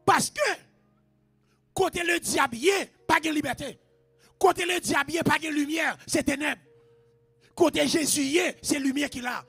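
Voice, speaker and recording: A Haitian man preaching a shouted sermon, chanting repeated phrases in a steady rhythm. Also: very high-pitched, normal speed, pauses often, no echo, soft background music.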